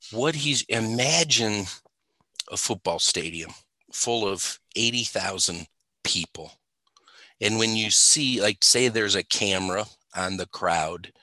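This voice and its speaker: A man's voice: on the low side, bright, forceful tone, no room sound. A man teaching the Bible in a conversational way, emphatic and stressing points by repeating words.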